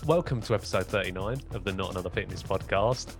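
A man's voice: sits low, fast, music in the background. A man hosting a casual podcast, joking and self-deprecating, laughing often as he chats. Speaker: podcast host. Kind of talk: casual chat.

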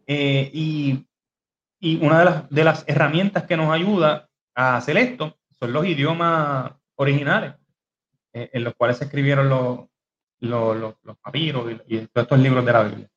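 A man's voice: mid-range voice, normal speed, lo-fi sound, a little hiss or hum. A man hosting a casual podcast, teaching about biblical Greek with many fillers and restarts over a video call. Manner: hesitant, many fillers and restarts, laughs easily.

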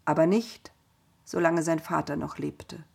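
A woman tells a story in the first person, slowly and without hurry. Her voice is husky and soft-edged, and her delivery stays calm and measured. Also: deep voice.

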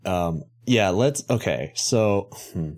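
A man's voice: sits low, animated, takes it slowly, darkish tone. A man co-hosting a podcast in casual chat, rambling and joking, swearing freely and correcting himself as he goes. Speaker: podcast co-host.

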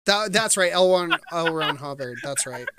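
A speaker chatting casually as a podcast co-host, excitable and quick to swear. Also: mid-range voice, noisy background. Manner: excitable, laughs often, swears freely. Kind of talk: casual chat.

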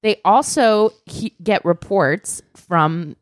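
A woman's voice: mid-range voice, slow, no room sound, clean studio sound. A woman co-hosting a casual podcast, telling a true crime story with lots of "like" and the odd swear word. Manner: animated, swearing, fillers like "like".

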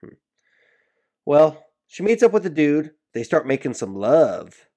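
Lively, expressive man telling stories. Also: a little high, a little slow. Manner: animated storytelling with laughs. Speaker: podcast co-host. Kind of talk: casual podcast chat.

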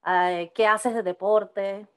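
A woman's voice: medium pitch, fairly even intonation, takes it slowly, a bit bright, clear, resonant tone. A woman from Venezuela hosting a podcast interview in a friendly, conversational way. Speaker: podcast host. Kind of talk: casual interview chat.

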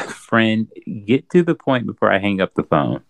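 A man's voice: lowish voice, sing-song, moderate pace, vocal fry, no echo. An actor playing a teasing, loyal young male friend in an audio drama, laughing easily.

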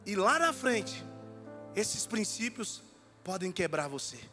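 A man's voice: sits high, takes it slowly, long reverb tail, soft background music. A man preaching a sermon in a church, telling stories animatedly and acting out the dialogue. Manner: animated, acts out dialogue, sometimes shouts. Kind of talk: sermon with storytelling.

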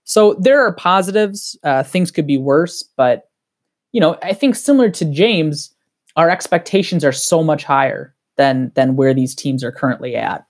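Excitable man with a Wisconsin accent. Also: fairly high pitch. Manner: excited, heated, rapid rambling. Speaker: podcast guest. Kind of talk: casual podcast chat.

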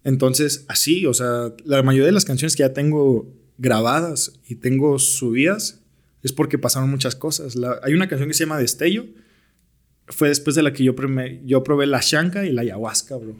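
A man's voice: mid-range voice, normal speed. A young man with a Mexican accent, a podcast guest telling stories in slangy, laid-back talk. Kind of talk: casual storytelling interview.

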